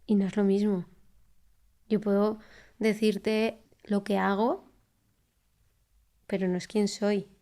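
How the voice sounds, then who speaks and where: A woman speech therapist speaking as a podcast guest in a relaxed, reflective way, often restarting phrases and adding tag questions. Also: mid-range voice, slow, pauses often. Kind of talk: conversational interview. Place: podcast recording.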